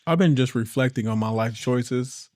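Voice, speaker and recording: A man's voice: medium pitch, moderate pace, darkish tone. A man co-hosting a casual podcast, playful, joking and teasing his partner. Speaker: podcast co-host.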